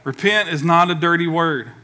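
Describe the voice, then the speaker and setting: A man preaching with a somewhat high voice, pressing each point hard and asking the congregation to answer back. He mixes firm sermon lines with loose, offhand asides. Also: normal speed, sharp tone. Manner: emphatic, calls for congregation response; conversational with casual asides. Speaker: pastor.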